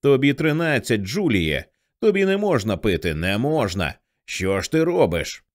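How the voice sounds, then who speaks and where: A man voicing a frantic older teenage girl who shouts at and then pleads with her younger sister. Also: on the low side, very animated, normal speed. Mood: furious.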